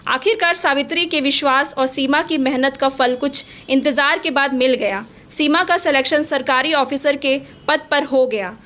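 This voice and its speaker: High-voiced woman telling a story. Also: normal speed, hardly any pauses, fairly bright tone. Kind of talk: scripted story narration.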